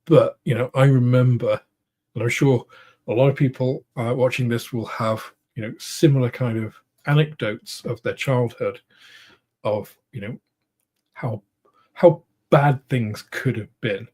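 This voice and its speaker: A middle-aged man with a British accent, hosting a casual livestream, answering viewers in a rambling, thoughtful way with many pauses and restarts. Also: mid-range voice, darkish tone. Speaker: host of a model-making livestream. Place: home studio room.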